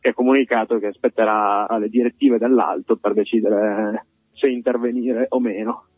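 A man reporting live from the scene over the phone, speaking earnestly with halting pauses. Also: medium pitch, darkish tone, breathy edge, dry recording. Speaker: field reporter. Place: on location outside an occupied building. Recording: dull lo-fi phone line.

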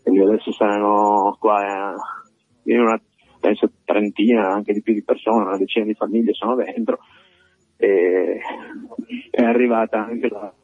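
A man reporting live from the scene over the phone, speaking earnestly with halting pauses. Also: on the low side, flat delivery, darkish tone, husky, dry recording. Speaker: field reporter. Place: on location outside an occupied building. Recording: dull lo-fi phone line.

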